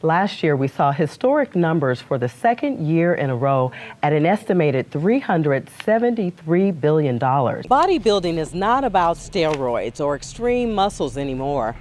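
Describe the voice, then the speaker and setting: American woman news reporter, animated low voice. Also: moderate pace, slight background noise. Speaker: TV news and sports reporter and anchor. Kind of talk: scripted broadcast news reporting.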